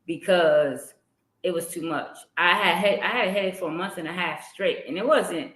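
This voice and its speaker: A woman hosting a podcast, telling personal stories in a lively, conversational way with frequent restarts. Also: fairly low pitch, normal speed. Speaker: podcast host. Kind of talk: casual conversational interview. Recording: roomy echo.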